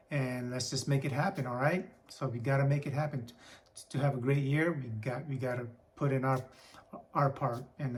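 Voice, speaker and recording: A hoarse man who keeps clearing his throat, chatting casually and rambling as a comic book vlogger. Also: medium pitch, darkish tone. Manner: rambling, repeats and restarts words. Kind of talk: casual vlog chat.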